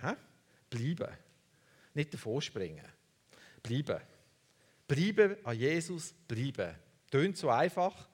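A man preaching a sermon. He asks the congregation questions and repeats key words for emphasis. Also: mid-range voice.

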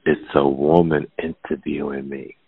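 A man in his forties, a podcast guest talking casually and bluntly, swearing freely and dropping to a hushed murmur on painful subjects. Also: little pitch movement, measured pace, breathy edge, no echo. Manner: blunt, profane, emphatic, calls listener "fam"; drops to a hushed, low murmur when telling something painful. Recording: phone-like narrow sound.

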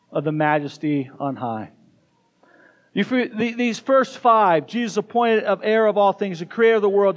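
High-voiced man preaching with energy. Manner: energetic, addresses kids and congregation directly, quick bursts. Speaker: pastor. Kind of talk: sermon. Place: church sanctuary.

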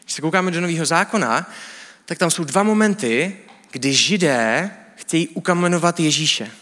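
A man's voice: on the high side, lively intonation, a bit bright. A man giving a sermon, explaining things in a casual, teaching way with colloquial speech. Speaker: preacher. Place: church hall. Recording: church hall with long reverb.

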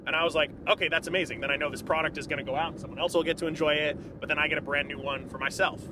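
Fast-talking enthusiastic man in a car. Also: on the high side, little pitch movement. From California. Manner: enthusiastic, rambling, filler-heavy. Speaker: podcast guest. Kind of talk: casual conversation. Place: inside a car. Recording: road and traffic noise.

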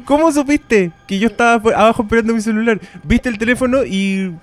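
A man with a Chilean accent, hosting a podcast and telling stories in a teasing, animated way. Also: very high voice, fast talker. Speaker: podcast host. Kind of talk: casual chat.

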